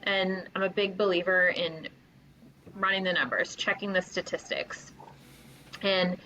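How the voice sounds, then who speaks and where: Bright-voiced woman guest, faint noise behind. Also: lowish voice, fairly even intonation, measured pace, rough recording. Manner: friendly, conversational, asks rhetorical questions. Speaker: real estate agent guest. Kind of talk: casual podcast chat.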